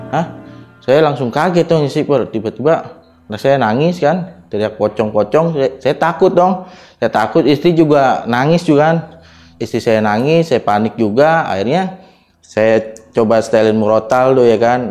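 A man's voice: mid-range voice, a little mellow. A young adult man from Indonesia telling a personal ghost story in casual spoken style, often addressing his listener directly and acting out the dialogue. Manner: colloquial, addresses listener as Bang, acts out quoted dialogue.

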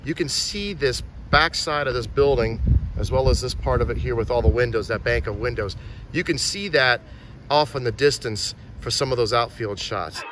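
Casting: man, phone-shot outdoor walking tour, chatty, points things out, middle pitch, faint background noise. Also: normal speed. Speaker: filming location tour guide. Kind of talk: casual walking-tour narration. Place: outdoors and at shop windows in a small town. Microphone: handheld phone.

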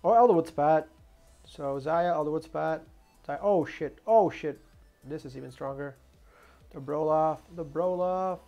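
Guy talking himself through a game, kinda gravelly, higher voice, some music under it. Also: dark tone, highs cut off. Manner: mutters plans to himself, quick bursts of surprise. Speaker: gaming streamer. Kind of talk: gameplay commentary, thinking aloud.

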